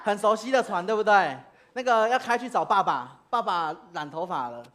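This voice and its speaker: A woman's voice: mid-range voice, lively intonation, normal speed, a bit bright. A woman, a preacher leading children in a playful church game, calling out commands and laughing often. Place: church sanctuary.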